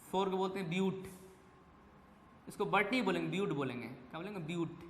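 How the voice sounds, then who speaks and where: A man with a fairly high voice runs a classroom lecture, calling out questions and answering them for his students. His voice rings through a big hall with a long echo. Faint room noise sits behind him. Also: expressive, brisk. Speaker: chemistry teacher. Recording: echoey classroom with faint ambience.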